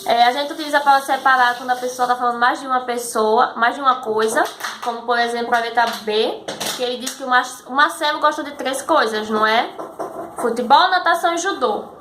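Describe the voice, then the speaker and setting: A woman teacher explaining a lesson patiently and slowly, often checking that her students follow. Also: sits high. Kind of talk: recorded school lesson. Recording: echoey room with faint background noise.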